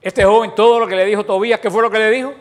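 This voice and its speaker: A man preaching a sermon, asking his listeners questions and answering them himself, often restarting his phrases and swinging between loud and soft. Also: high-pitched, fairly even intonation, racing.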